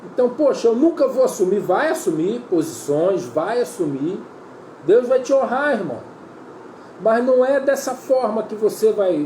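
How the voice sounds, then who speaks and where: A Brazilian Portuguese-accented man preaches in a high, warm voice, earnest and repetitive as he calls his listeners brother. The sound is roomy and echoey, with faint ambient noise behind him. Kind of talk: sermon.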